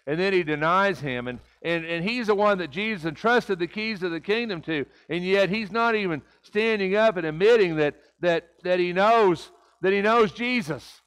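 A man's voice: high voice, moderate pace, few pauses, fairly bright tone, clean tone. An older man preaching a conversational sermon in a church sanctuary, asking the congregation rhetorical questions.

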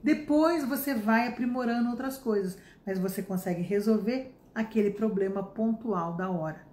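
Speaking at a medium pitch with a mellow tone, this woman in her fifties teaches English in a relaxed, conversational lesson. Her accent is Brazilian Portuguese, and she keeps things talkative and emphatic, leaning on frequent tag questions. The room gives the sound a spacious feel, and her pace stays moderate.

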